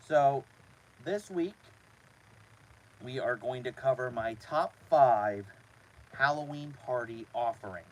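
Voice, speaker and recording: A man hosting a casual live stream from inside a small trailer, talking to his chat in a halting way with repeated words. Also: medium pitch, rough recording. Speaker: host of a live show.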